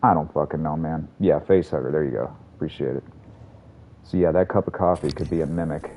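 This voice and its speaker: A man with a low, warm voice streams a video game and gives casual commentary to his live chat, rambling, chatty and casually swearing.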